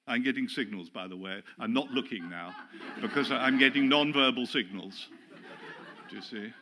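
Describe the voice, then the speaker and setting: A man's voice: medium pitch, moderate pace, noisy background. An older man from England preaching a sermon, chatty and self-deprecating, telling stories and acting out the people he quotes. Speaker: pastor.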